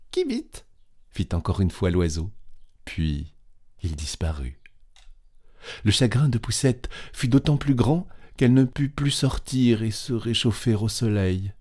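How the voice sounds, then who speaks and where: A man narrating a children's audiobook in a calm, measured storytelling manner. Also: low-pitched.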